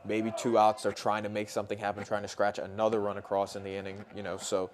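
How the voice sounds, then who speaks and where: A man's voice: lowish voice, monotone, quick pace, slight background noise. A man working as a color commentator, analysing a live baseball game in a conversational way.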